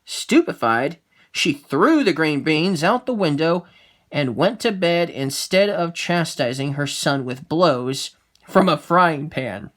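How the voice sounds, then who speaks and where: A storyteller reading a fairy tale aloud, expressive, with the odd small slip and restart. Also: medium pitch, takes it slowly.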